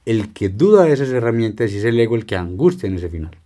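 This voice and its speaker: A middle-aged man, a palliative care doctor talking reflectively as a podcast guest, with deliberate, slow, emphatic phrasing. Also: on the low side, sing-song, mellow. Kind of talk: reflective conversation and storytelling.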